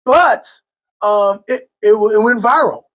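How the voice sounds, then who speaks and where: A man's voice: sits high, a little slow, a bit bright. A man from Cleveland co-hosting a podcast, talking loosely and animatedly with many restarts and asides. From Cleveland, Ohio. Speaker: podcast co-host. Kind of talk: casual chat.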